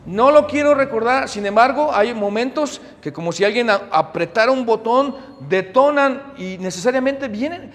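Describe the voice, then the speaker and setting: Middle-aged pastor, high-pitched and animated, preaching in a reverberant hall. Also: male voice, normal speed, hardly any pauses. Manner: animated, swings from loud emphasis to hushed asides. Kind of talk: sermon.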